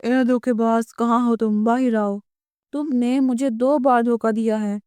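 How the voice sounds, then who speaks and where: A woman's voice: a little high, fairly even intonation, a little mellow, clean tone, dry recording, lightly acted. A woman voicing a lazy, simple-minded young man in a children's cartoon story, speaking in an insistent, complaining way. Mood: angry.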